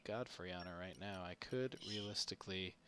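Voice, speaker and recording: A man's voice: deep voice, normal speed, bright, forceful tone, clear, resonant tone. A man giving casual, wry running commentary while streaming a video game, reacting aloud to each result.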